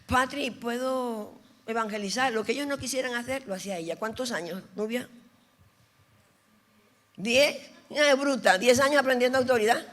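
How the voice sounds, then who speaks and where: A woman pastor preaching an animated sermon, telling stories and teasing her audience. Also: on the high side, normal speed. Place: large church hall. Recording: reverberant hall.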